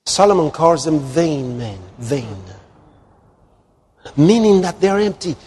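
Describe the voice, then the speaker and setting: A male pastor preaching a sermon, moving from hushed, drawn-out lines to loud exclamations. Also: a little high, animated, a little hiss or hum. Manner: dramatic, swings from hushed to exclaiming. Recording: long hall reverb.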